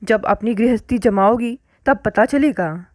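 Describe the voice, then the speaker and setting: A woman voicing a sharp-tongued, nagging older mother-in-law in a storybook reading, in a scolding, complaining manner. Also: on the high side, a little slow, no echo, lightly acted.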